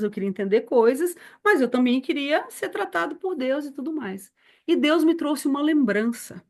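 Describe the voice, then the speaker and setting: A woman in her forties, a missionary teacher sharing a personal testimony in an earnest storytelling manner. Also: high voice. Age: 40s. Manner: earnest, storytelling, addresses listeners as beloved. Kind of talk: personal testimony in a church lesson.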